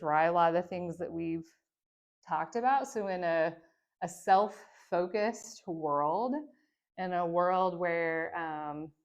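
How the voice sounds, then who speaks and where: A woman with a lowish voice gives a church training lesson. She talks in a loose, conversational way, checking in with her listeners and drawing on her own experience. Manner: conversational, many fillers and tag questions; reflective, speaks from own experience. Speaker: teacher of a church training course. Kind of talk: teaching a lesson.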